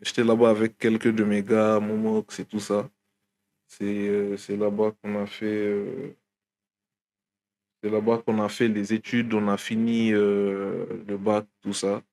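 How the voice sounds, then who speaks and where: Relaxed, hesitant young man rapper. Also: fairly low pitch, measured pace. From Guinea. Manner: relaxed, hesitant, many fillers and restarts. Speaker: rapper guest. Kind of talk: casual interview talk.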